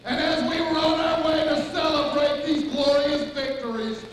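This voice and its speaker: A man's voice: extremely high pitch, little pitch movement, moderate pace. A man cutting a menacing wrestling promo as a manager in the ring, declaiming grandly and drawing out his words. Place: indoor wrestling arena ring. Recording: echoey arena, distant mic, noisy.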